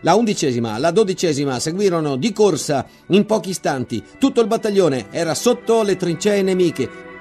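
A man giving an intense, measured dramatic reading of a literary text, repeating words for effect. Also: high-pitched, animated, darkish tone, soft background music. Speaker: reader.

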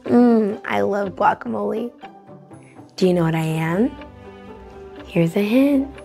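For a children's read-along, a young adult woman cheers on her young audience, exclaiming and speaking right to them. Her mid-range voice is mellow and creaky, with lively intonation at a slow pace, over faint background music.

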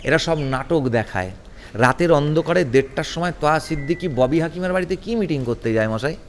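A combative man, talking in a high-pitched voice as he fires off rhetorical grievances in bursts. His voice echoes with a long reverberant tail, as in a large room. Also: expressive, a little fast, slight background noise. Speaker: political guest. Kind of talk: heated political interview.

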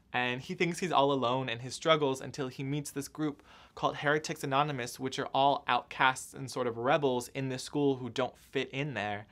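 A man's voice: mid-range voice, fairly bright tone. A young man talks through a casual book haul vlog, alone indoors. He is chatty and upbeat, with a mid-range voice, and keeps poking fun at himself with little jokes. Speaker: book vlogger.

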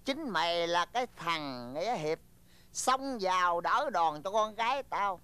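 A man's voice: high voice, a little slow, smooth, exaggerated voice. A blustering old Southern father. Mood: stubborn. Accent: Southern Vietnamese. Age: older. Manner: blustery, exclaims loudly, lively swings. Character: blustering old village father, boastful and stubborn. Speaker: film actor.

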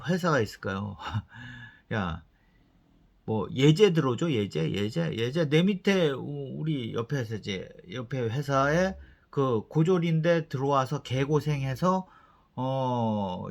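A man's voice: medium pitch, vocal fry. A middle-aged man giving blunt career advice to developers in a rambling, profane, scolding way. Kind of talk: blunt casual advice monologue.

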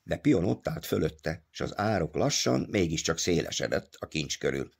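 A man narrating an audiobook in a measured storytelling manner. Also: low-pitched, sing-song, creaky, husky. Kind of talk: scripted narration.

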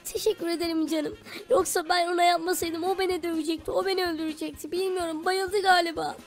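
A woman doing a pleading young wife, very high. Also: level tone, fast. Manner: pleading, justifies herself. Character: young wife, defensive and apologetic. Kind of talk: Minecraft role-play.

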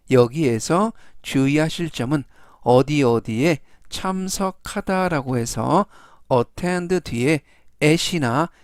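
A man teaching English vocabulary in formal polite speech, saying each word slowly several times and then explaining it step by step. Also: on the high side, no echo, studio quality. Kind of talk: slow, deliberate vocabulary lesson.

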